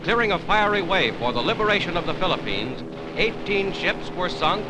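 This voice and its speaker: A man's voice: high-pitched, very animated, normal speed, poor audio. Dramatic 1940s newsreel announcer man. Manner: emphatic, dramatic declamation. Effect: old newsreel sound. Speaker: newsreel narrator. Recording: wartime newsreel with loud music.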